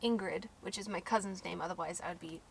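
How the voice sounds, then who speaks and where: A woman's voice: on the low side, fast talker, vocal fry, a little hiss or hum. A young American woman from Idaho, reading out questions in a casual Q&A and laughing easily. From Idaho, United States. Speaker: co-host asking questions. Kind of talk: casual Q&A chat.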